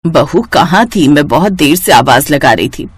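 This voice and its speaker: A woman voicing a soft-spoken, patient elderly mother-in-law in a cartoon story, who talks slowly and gently. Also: deep voice, animated, breathy edge, pitched below the performer's own voice. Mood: gentle pleading.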